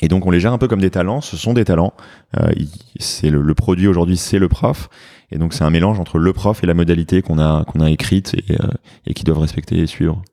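A French man with a very deep, mellow voice explains his fitness business in an interview. He hesitates often and fills pauses with fillers. The recording is close and dry. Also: no echo. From France. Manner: hesitant, many fillers and restarts. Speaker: fitness studio founder.

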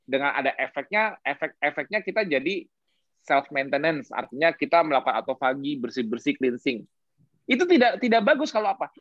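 A speaker explaining health science in casual podcast talk, animated, posing rhetorical questions and mixing in English terms. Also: mid-range voice, brisk, dry recording, dull audio.

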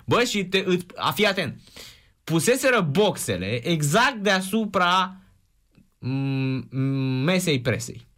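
Upbeat guy telling football stories, bright voice, pitch jumps all over. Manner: animated storyteller, shouts imitations. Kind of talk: casual sports chat.

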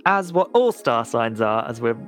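A man hosting a podcast in casual chat, rambling jokily with a deadpan edge. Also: medium pitch, normal speed, faint music behind. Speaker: podcast host.

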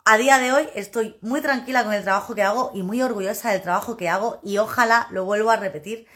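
A woman, hosting a casual live stream as a personal development coach, talking loudly and emphatically and laughing often. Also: medium pitch, fast talker.

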